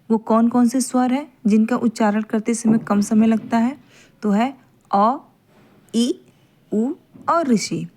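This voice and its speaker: Higher-voiced woman teaching a grammar lesson. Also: warm tone. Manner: repeats points, often adds a checking "theek hai"; draws out vowel sounds slowly to demonstrate.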